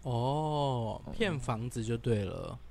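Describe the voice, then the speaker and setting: A man, co-hosting a podcast in casual chat, chiming in with quick agreement. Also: medium pitch, animated, gravelly, mellow. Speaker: podcast co-host.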